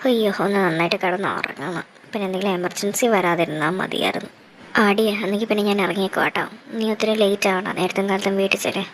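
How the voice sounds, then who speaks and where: A woman's voice: mid-range voice, vocal fry, lightly acted. A woman playing a tired, anxious young woman. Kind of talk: fan audio drama acting.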